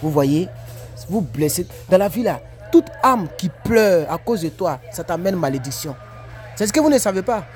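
Animated man vlogging on a break. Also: high-pitched, normal speed, music in the background. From Ivory Coast. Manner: animated, repetitive, preachy. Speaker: vlogger reacting to comments. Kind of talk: casual commentary. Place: at work on a break.

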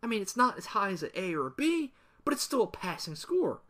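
A man's voice: sits high, sing-song, brisk, sharp tone. A young man ranting casually to camera in a sarcastic, rambling way, full of asides. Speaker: gaming video creator. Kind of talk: casual opinion rant to camera.

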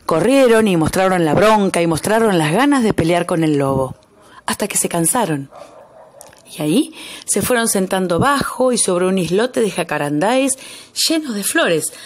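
A woman narrating a children's story aloud in a lively way, changing her voice for each animal that speaks. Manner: lively, shifts pitch for each animal's lines.

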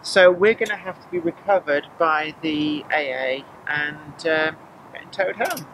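A woman's voice: deep voice, unhurried, fairly bright tone, low-quality recording. Woman, young adult, matter-of-fact explainer, tired, faint noise behind. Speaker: driver, co-host. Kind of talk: casual explanation. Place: outdoors at a roadside car park.

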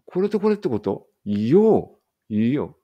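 A man's voice: medium pitch, very animated, takes it slowly, lo-fi sound. A man reading a study text aloud in a casual study-along and thinking aloud in muttered asides. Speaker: language teacher reading aloud.

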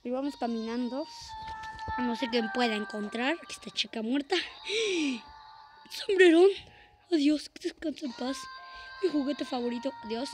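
A woman commenting as a YouTuber while playing a horror game, excitable and prone to gasps and shrieks at scares. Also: on the high side, moderate pace. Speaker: gaming YouTuber. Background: game music.

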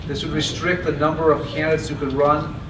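A man giving a steady, earnest convention stump speech at a podium microphone. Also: on the high side, brisk. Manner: earnest, steady delivery with occasional restarts. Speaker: party chair candidate. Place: large convention hall, indoors. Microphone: podium mic on stand. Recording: echoey hall from a far camera with noise.

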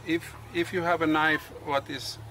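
A middle-aged man, not a native English speaker, vlogging outdoors on a tropical farm. His English is halting, with many pauses and uh's, and the camera is held at arm's length. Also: fairly high pitch, level tone, pushed and bright, slight background noise. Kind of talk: casual vlog narration. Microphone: handheld camera selfie and tripod camera.

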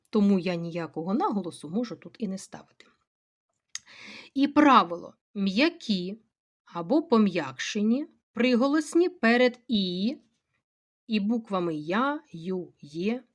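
Speaking to schoolchildren directly, a middle-aged woman with a Ukrainian accent explains grammar slowly and in steps. Her medium-pitched voice has a sing-song quality.

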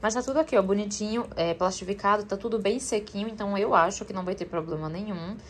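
Speaking fast in a mid-range voice, a young woman vlogger sorts food in her home kitchen and chats away to her viewers, addressing them often. A camera on the counter captures it, with a little hiss or hum in the sound.

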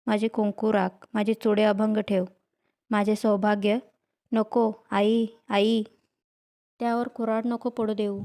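A woman's voice: medium pitch, flat delivery, a little slow, mellow, natural voice. A woman reading the earnest, imploring prayer of a devout mother. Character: devout young mother praying for her husband.

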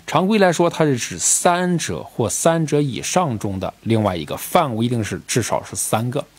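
A man's voice: mid-range voice, sing-song, normal speed, slightly rough. A man teaching English vocabulary in a recorded video lesson, explaining patiently and checking in with his students through rhetorical questions.

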